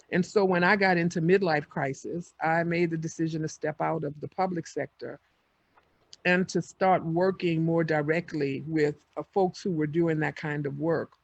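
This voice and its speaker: An older woman speaking on a panel, reflective and measured as she tells her own story. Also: deep voice, gravelly, no room sound. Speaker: panelist, community advocate. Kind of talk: panel discussion. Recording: dull lo-fi audio.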